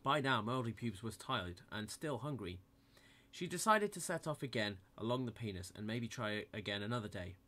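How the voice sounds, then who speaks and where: A man's voice: fairly low pitch, expressive, moderate pace, sharp tone. A man narrating a comic bedtime-style story in a playful, mock-innocent storybook manner.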